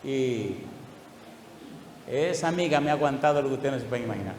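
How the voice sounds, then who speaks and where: A man's voice: medium pitch, lively intonation, fairly quick, darkish tone, a little hiss or hum. An older man preaching a sermon to a congregation, emotional and chuckling, with fond asides and rhetorical questions. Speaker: pastor. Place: church hall. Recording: echoey church hall with long reverb.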